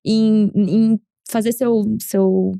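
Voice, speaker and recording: A woman's voice: medium pitch, fairly even intonation, very slow, mellow, dry recording, studio quality. A Brazilian woman with a Brazilian Portuguese accent, co-hosting a podcast in an encouraging, reflective way. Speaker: podcast co-host. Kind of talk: casual podcast chat.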